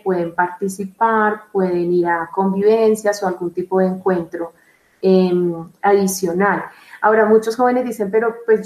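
A woman's voice: medium pitch, a little mellow, reverberant, low-quality recording. A woman, a religious sister answering interview questions in an earnest, reflective way with frequent fillers. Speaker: religious sister, vocation coordinator.

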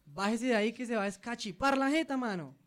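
A man voicing a brash, blunt man from Santander who talks loudly in rough slang, with an imitated Santander accent. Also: very high-pitched, lively intonation, fast talker, pitched above the performer's own voice. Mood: brash, rowdy. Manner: loud, rough, slangy outbursts.

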